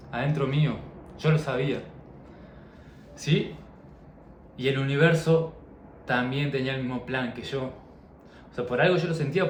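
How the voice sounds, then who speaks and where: A man's voice: mid-range voice, a little hiss or hum. Earnest man, echoey room. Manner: earnest, repetitive, confessional. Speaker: mindset and fitness coach. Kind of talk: personal vlog monologue.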